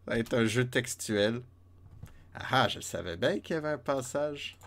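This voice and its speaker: Speaking at a moderate pace, this Québécois-accented man streams a retro game live, muttering step counts and talking with his audience. His medium-pitched voice is expressive and fairly bright, with some vocal fry.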